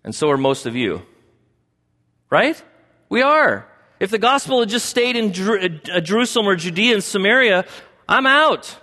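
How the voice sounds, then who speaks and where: A man with a fairly high voice preaches a sermon to his congregation. He keeps it conversational and keeps checking in with the listeners. His voice carries a long reverb tail, as if it fills a large hall. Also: very animated, normal speed, pauses often, bright, forceful tone. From United States. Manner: conversational preaching, often asks the congregation questions. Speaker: pastor.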